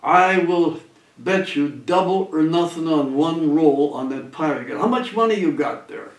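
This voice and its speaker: A gruff, accented gambling-house boss who taunts and challenges, as a storyteller puts him on. The voice is pushed higher and sounds roomy and distant from the mic. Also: male voice, unhurried, close to an everyday voice. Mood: taunting. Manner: taunting, tough.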